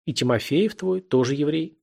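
A sly, insinuating young man who teases and prods his friend with mocking questions, as a male narrator puts him on. The voice sits raised above the reader's own and keeps a gravelly, husky grain. An audiobook figure full of needling insinuation. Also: on the high side, normal speed, a little mellow. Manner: mocking, insinuating, laughs a lot.

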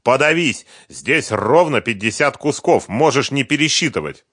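A man's voice: medium pitch, animated, measured pace, fairly bright tone, dry recording, studio quality, pitched above the performer's own voice. A man voicing a scornful, menacing gangster boss in an audiobook, taunting and barking demands. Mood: furious.

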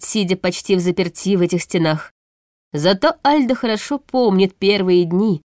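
Calm woman narrating an audiobook. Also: lowish voice, dry recording, studio quality. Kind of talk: scripted narration of a fantasy novel.

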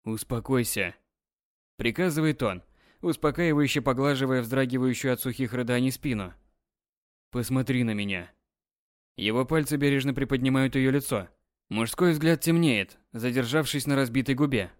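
A man reads an audiobook aloud in an even, dramatic storytelling manner. His voice sits at a medium pitch. The recording is dry and close, with no echo. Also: a little fast. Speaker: narrator. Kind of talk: scripted audiobook narration.

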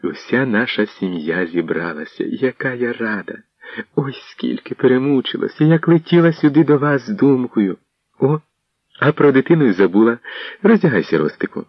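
Guy doing a breathless young mom, gushing, high and lively, kinda lo-fi. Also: normal speed, breathy edge, dry recording. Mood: chattering. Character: excited young wife and mother. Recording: dull lo-fi recording.

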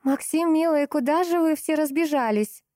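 A woman's voice: high-pitched, normal speed, a little mellow, no room sound, clean studio sound, voice pushed up, natural voice. A woman voicing a haughty, showy young woman with an affected, mocking sweetness.

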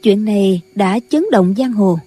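Woman audiobook narrator, mellow, husky, slightly high voice. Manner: measured storytelling. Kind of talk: scripted narration.

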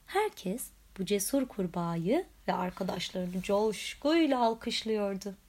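A woman reading a children's picture book aloud with lively, expressive storytelling. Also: medium pitch, slow. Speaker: storybook reader.

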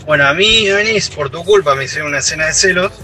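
A man's voice: on the high side, fast, background noise. A man with an Argentine accent, a listener casually telling a personal anecdote.

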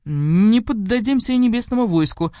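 A woman's voice: low-pitched, fairly quick, a little mellow, no echo, studio quality, close to an everyday voice. A woman reading an audiobook, voicing a grief-stricken old man who dotes on his foster daughter and pleads through tears. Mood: boastful. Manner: pleading, tearful.

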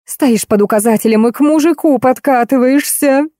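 A woman's voice: high-pitched, measured pace, warm tone, dry recording, clean studio sound, pitched above the performer's own voice. A woman voicing Lenochka, a furious jealous young woman who screeches coarse insults, in an audiobook.

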